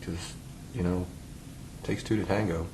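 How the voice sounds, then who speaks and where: A man playing an earnest, reassuring husband in a couples therapy role play, fumbling haltingly for his words. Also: low voice, fairly even intonation, noisy background.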